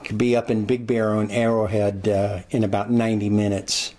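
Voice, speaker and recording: Fond, low-voiced man in his sixties. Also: flat delivery, moderate pace, a little mellow. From Glendale, California. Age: 60s. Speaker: interviewee. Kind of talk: reminiscing documentary interview.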